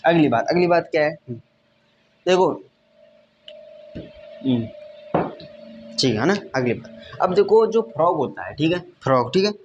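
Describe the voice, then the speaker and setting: Man, science teacher, repetitive, keeps asking if students follow, slightly high voice, faint background noise. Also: lively intonation, unhurried, pauses often, highs cut off. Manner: repetitive, addresses students as "beta", asks frequent checking questions. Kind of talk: classroom lecture with whiteboard.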